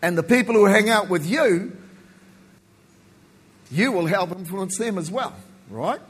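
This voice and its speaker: A man from New Zealand with a New Zealand accent softened by Australian, preaching a sermon in an emphatic, folksy way with joking asides and a husky voice. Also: high-pitched, lively intonation, a little slow. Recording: echoey hall with long reverb.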